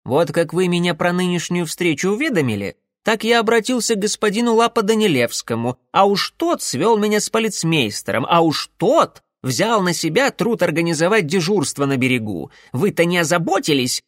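A fussy, indignant gentleman snaps back, flustered and easily offended, as a male narrator voices him. His voice sits higher and louder than the narration around it. The recording is dry. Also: very animated, normal speed, few pauses, dry recording.

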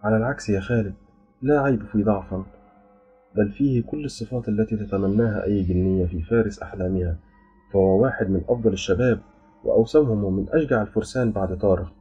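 A man's voice: lowish voice, quick pace, warm tone, husky. A man voicing a beautiful, playful and proud young female jinn who speaks with a teasing, smiling delivery. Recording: dull lo-fi with faint music.

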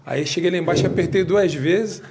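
A man telling a quick personal anecdote in a group chat. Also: high voice, darkish tone. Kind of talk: casual storytelling in a group.

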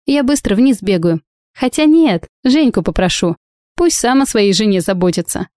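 A woman voicing Alena, a brazen married young woman who speaks with mocking irony, in a warm audiobook reading. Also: mid-range voice, expressive, moderate pace, no room sound, clean studio sound, voice pushed up, natural voice. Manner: mocking, ironic.

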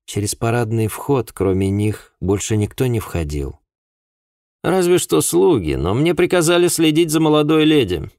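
Narrator doing an eager young constable, earnest, a touch higher than his own low voice, dry booth. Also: big pitch swings, moderate pace, a little mellow, no room sound. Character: young Victorian police sergeant, dutiful, eager.

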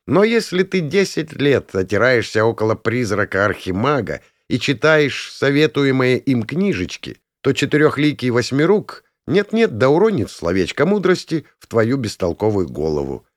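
A man reading a first-person fantasy audiobook with a sardonic, crude edge. His pitch swings in lively leaps across each phrase, and the recording is dry and close, with no room sound. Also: moderate pace, hardly any pauses, dry recording. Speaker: audiobook narrator.

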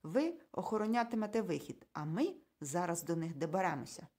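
A woman's voice: on the low side, big pitch swings, a little fast, mellow, voice pushed down. A woman playing a smug, bossy official. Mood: commanding. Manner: commanding, condescending. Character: smug, bossy man, a cold official in glasses.

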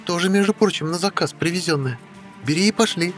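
A man's voice: high voice, fast, loud music behind the voice, voice pushed up, lightly acted. A man putting on a vain, bossy young witch. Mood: scolding. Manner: haughty, imperious and teasing. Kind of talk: audiobook character voice.

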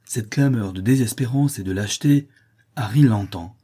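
A man's voice: lowish voice, moderate pace, dark tone, breathy edge. A man reading a novel aloud as an audiobook, in a dramatic storytelling delivery. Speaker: audiobook reader. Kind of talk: scripted narration.

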